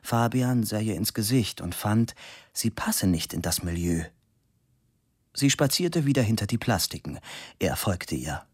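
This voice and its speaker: A man reading a novel aloud as narrator, expressive and lively. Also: on the low side, measured pace, slightly rough, dry recording, clean studio sound. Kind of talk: audiobook narration.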